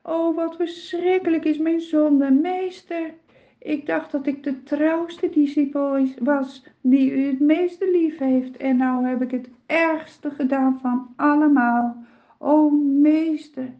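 A woman's voice: sits high, steady tone, slow pace, muffled recording. A woman voicing Peter, a frightened grown male disciple, pleading in an agitated, rising voice. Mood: sobbing remorse.

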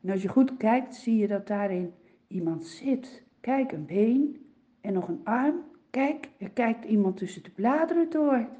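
Slow, expressive woman telling a Bible story. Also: fairly high pitch. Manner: slow, expressive, swooping delivery. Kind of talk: storytelling for children. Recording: dull lo-fi recording.

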